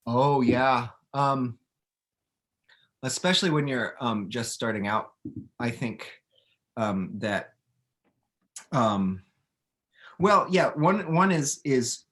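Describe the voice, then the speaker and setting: A fairly bright, medium-pitched male voice belongs to a middle-aged author fielding students' questions. His talk is casual and explanatory, full of thinking aloud and restarted sentences.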